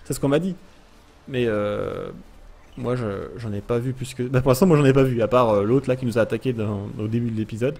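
A man's voice: mid-range voice, brisk, creaky, warm tone. A gaming YouTuber commentating a let's play, jumpy and easily scared, yelping and talking to the creatures he meets. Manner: jumpy, frightened, talks to creatures, yelps.

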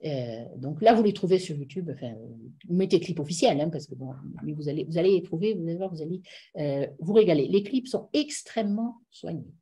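A woman's voice: low voice, expressive, a little fast, mellow, husky. A middle-aged woman giving an online lecture on song lyrics over a video call, digressive and full of hesitations. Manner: digressive, many hesitations and fillers.

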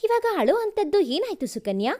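A woman's voice: extremely high pitch, big pitch swings, fairly quick, warm tone. A woman voicing a playful young man in love who teases his girlfriend. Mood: gentle. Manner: playful, mock-indignant.

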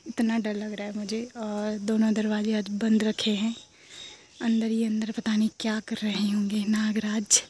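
A woman's voice: on the high side, mellow, husky. Chatty young woman vlogging at home. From Uttarakhand, India. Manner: chatty, addresses viewers, sometimes whispers. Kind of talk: casual vlog narration.

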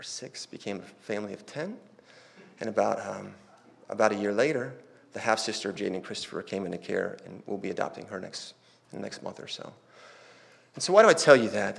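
A man's voice: on the low side, gravelly. A pastor in his thirties giving a personal testimony during a sermon, in a conversational, storytelling way that acts out quoted dialogue.

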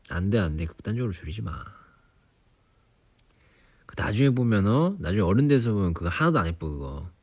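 Low husky young man, sleepy livestream chat. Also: quick pace. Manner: relaxed, chatty, teasing himself for nagging like an elder. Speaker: idol livestream host. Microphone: phone or device mic, voice-only live.

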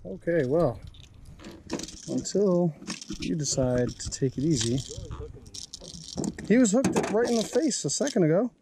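A man's voice: fairly high pitch, animated, measured pace, pauses often, heavy background noise. Laid-back, joking young man fishing from a boat. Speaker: fishing vlogger. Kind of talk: casual chat while fishing. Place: small boat on a lake outdoors. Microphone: action camera.

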